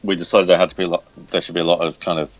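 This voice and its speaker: Soft music plays behind a comic writer whose very low voice shows little pitch movement. He talks informally in an interview, faltering and repeating himself, captured on a phone as dull, lo-fi audio.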